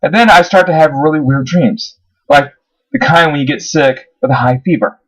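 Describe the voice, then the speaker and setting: A man's voice: fairly high pitch, normal speed, poor audio. A man reading his own first-person horror story aloud, his voice rising on the dramatic moments. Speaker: narrator.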